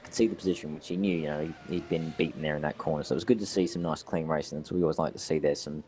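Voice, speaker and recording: A man's voice: a bass voice, fairly even intonation, racing, darkish tone, slight background noise. A man with an Australian accent doing chatty live commentary on a sim race, rambling with frequent asides.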